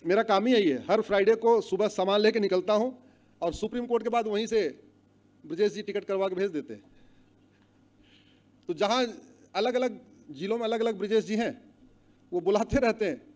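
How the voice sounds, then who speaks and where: A middle-aged man giving a rousing public speech, loudly chanting long lists and asking the audience to repeat after him. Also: high-pitched. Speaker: public speaker. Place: hall with an audience.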